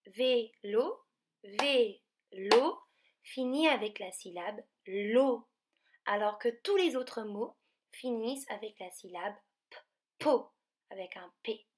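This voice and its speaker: A woman teacher from France leads a remote lesson for young children. She speaks slowly and carefully, drawing out each word, and her voice sits a little high. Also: expressive. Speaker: primary school teacher.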